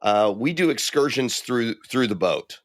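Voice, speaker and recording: A man's voice: medium pitch, measured pace, dry recording, studio quality. A middle-aged man and podcast co-host, chatting casually and telling stories, acting out the quoted voices. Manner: animated storyteller, acts out quoted voices. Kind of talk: casual chat.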